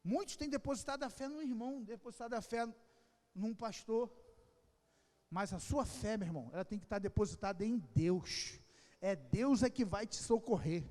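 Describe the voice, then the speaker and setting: A man pastor preaching an impassioned sermon with a Rio de Janeiro accent, swinging between shouted calls and quiet asides. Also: sits high, expressive, moderate pace. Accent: Rio de Janeiro Portuguese. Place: church hall. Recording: long church hall reverb.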